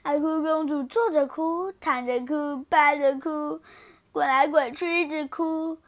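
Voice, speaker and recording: A woman reading a children's picture book aloud in an expressive, animated way. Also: sits high, a little slow. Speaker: storyteller.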